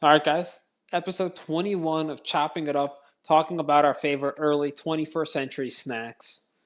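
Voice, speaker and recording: A man's voice: on the high side, steady tone, moderate pace. A man co-hosting a podcast in casual, informal chat with a self-deprecating way of talking. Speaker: podcast co-host.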